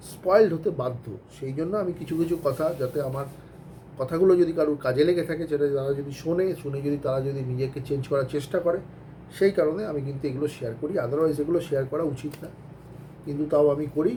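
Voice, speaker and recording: Man teaching accounts, fairly high and warm, earnest and rambling, mixing in English. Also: slight background noise. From Bengal. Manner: rambling, earnest advice with many restarts and English phrases. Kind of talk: casual spoken lesson to students.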